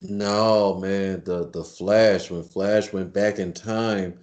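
A man's voice: on the low side, fairly even intonation, takes it slowly, darkish tone, a little hiss or hum. Casual man talking superhero movies. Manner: loose and emphatic, repeats words while building a point. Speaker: podcast co-host. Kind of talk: casual chat.

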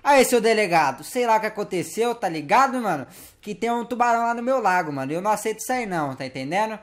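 A gameplay YouTuber offers casual, slangy and playful commentary, chatting with the game's characters and getting excitable when the action heats up. He has a high voice and talks at a quick pace.

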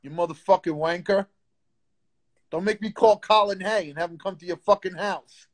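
A man with a high-pitched voice hosts a live stream and goes after a caller. He taunts him and swears constantly, in a loud, confrontational chat style. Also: normal speed. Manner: taunting, profane, insulting.

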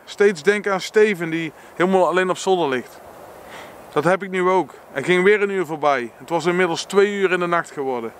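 Dutch male reader, higher voice, earnest, faint traffic behind. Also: a bit bright. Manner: slow earnest reading, stumbles and self-corrects. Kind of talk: reading a book passage aloud with personal reflection.

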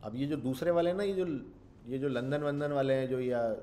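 A man's voice: medium pitch, a little fast, mellow. Rambling man thinking aloud while coding. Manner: rambling, thinks aloud, mixes English terms into Urdu. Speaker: programming instructor. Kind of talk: casual screen-share coding lecture.

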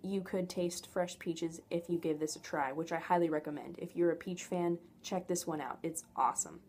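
A woman's voice: on the low side, fairly even intonation, normal speed, darkish tone. A young adult woman giving a casual, enthusiastic product review to camera in an informal way. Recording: noticeable background noise, home camera audio.

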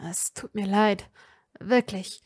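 A woman's voice: medium pitch, steady tone, slow pace, husky. A woman voicing an embarrassed male officer who speaks hesitantly and apologetically. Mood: apologetic.

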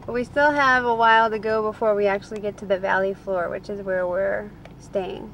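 A woman's voice: mid-range voice, fairly even intonation, a little fast, dull audio. Young woman on a hissy old camcorder tape. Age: young adult. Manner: chatty, pointing out sights as they pass. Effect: old camcorder tape audio. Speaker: traveler filming a trip. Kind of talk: casual home-video narration. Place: in a moving car on a road trip. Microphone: camcorder's built-in mic.

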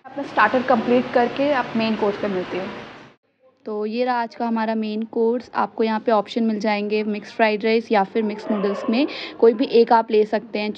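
A woman's voice: fairly high pitch, little pitch movement, fairly quick, dull audio, noisy background. A young woman vlogging a casual food review, chatting about each dish as she tastes it in a small restaurant, filmed on a phone at arm's length. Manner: chatty, describes each dish while tasting. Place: small indoor restaurant and outside its entrance.

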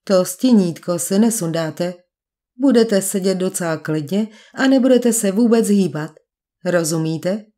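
A woman's voice: mid-range voice, dark tone, voice pushed down, natural voice. A woman voicing a suave male villain posing as a duke, speaking with polite, mocking menace in an audiobook. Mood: smooth menace. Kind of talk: audiobook character voice.

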